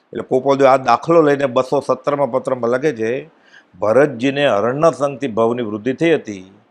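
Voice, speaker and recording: Man, devotional discourse, animated storytelling, middle-pitched voice. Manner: animated storytelling, acts out dialogue with swings in pitch and loudness. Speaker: spiritual speaker at a satsang.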